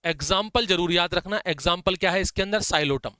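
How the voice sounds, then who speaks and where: A man gives a biology lecture for exam prep, dictating notes and drawing out key terms slowly so students can copy them. His voice sits high and comes through clear and smooth. The recording is dry and close, with no room sound. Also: sharp tone, dry recording. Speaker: biology teacher.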